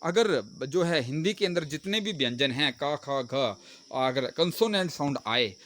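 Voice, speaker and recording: Lively man teaching grammar. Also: on the high side, unhurried, a little hiss or hum. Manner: explains step by step, asking and answering his own questions. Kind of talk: grammar lesson.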